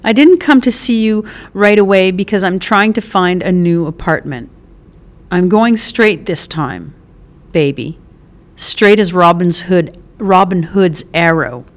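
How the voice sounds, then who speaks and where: Taking a measured pace, a female reader gives an animated, lowish voice to a middle-aged mother just released from prison, a brash, bossy, teasing woman who is affectionate and heaps on motherly endearments.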